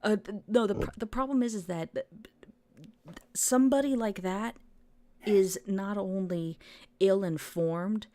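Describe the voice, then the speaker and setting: A woman's voice: medium pitch, unhurried, dark tone. A woman co-hosting a casual podcast, giving practical advice with frequent false starts and restarts. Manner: informative, stumbling restarts. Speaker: podcast co-host.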